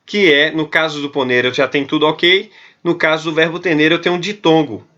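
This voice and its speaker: A man's voice: on the high side, steady tone, fairly quick, bright, forceful tone. A male Spanish teacher with a Brazilian Portuguese accent, explaining verb grammar step by step in a recorded online lesson and often checking in with the class. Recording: dull lo-fi audio.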